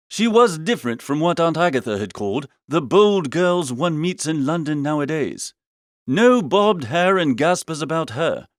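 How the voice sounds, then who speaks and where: A man with a fairly high voice narrates a comic first-person story as an audiobook reader, breezy and theatrical, using old-fashioned upper-class turns of phrase. The studio-quality recording has no room sound at all.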